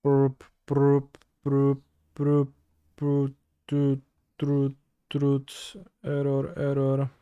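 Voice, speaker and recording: A man's voice: medium pitch, completely flat delivery, drawn-out words, warm tone, smooth, highs cut off. A man streaming a card game who playfully imitates a glitching robot, beeping and repeating error sounds. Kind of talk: casual live commentary while playing.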